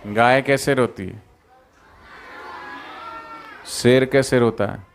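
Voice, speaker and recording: A man telling a moral story to students in a sermon, animated, often quizzing the listeners and coaxing them to join in. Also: medium pitch, slow, creaky, some chatter behind, a little hiss or hum.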